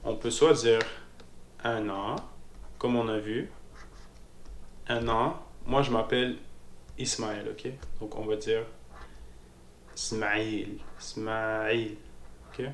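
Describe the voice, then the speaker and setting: A man walks learners through a casual spoken lesson at an unhurried pace, his voice carrying a gravelly edge. He hesitates, repeats himself, and keeps checking in with "ok?". The room is echoey, with faint background noise and keyboard clicks. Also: lowish voice, fairly even intonation. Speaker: Moroccan Arabic teacher.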